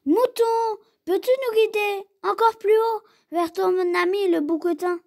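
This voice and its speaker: A woman voicing a brave young male bear cub who leads his cousins, slow and earnest. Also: extremely high pitch, creaky, darkish tone, pitched above the performer's own voice, full character voice.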